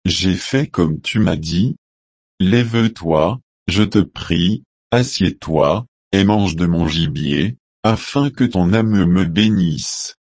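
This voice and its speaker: A man voicing a younger son who passes himself off as his elder brother, in a slow, solemn reading. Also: low-pitched, darkish tone, breathy edge, dry recording, heavily acted. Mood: earnest.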